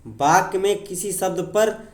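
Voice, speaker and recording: A man's voice: high voice, measured pace, reverberant. A man teaching an exam-prep grammar lecture, explaining with examples, repeating points and often checking in with his students.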